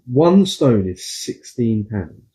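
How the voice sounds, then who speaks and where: A man hosting a casual podcast chat, telling stories in an animated, swearing way. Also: medium pitch, slow, breathy edge. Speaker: podcast host.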